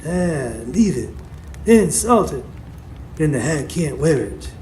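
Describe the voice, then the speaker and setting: A man with a higher-pitched, sing-song voice and a darkish tone speaks slowly, playing a wise, stern old folk healer in a live radio drama. He gives instructions tersely and commandingly, in a grave, instructive mood. It was recorded live on a stage before a studio audience, with background noise.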